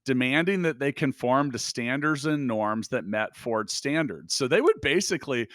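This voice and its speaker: A man in a casual podcast chat, ranting with blunt, profane emphasis. His voice sits at an ordinary middle pitch. The recording is dry with no room sound. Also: normal speed, no echo. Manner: emphatic and profane, animated asides. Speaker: podcast co-host.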